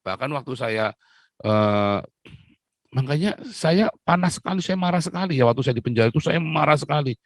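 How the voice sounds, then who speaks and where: A man's voice: fairly high pitch, animated, fairly quick, dry recording. A man from Indonesia preaching a sermon with personal testimony, exclaiming often and addressing his listeners as brothers and sisters.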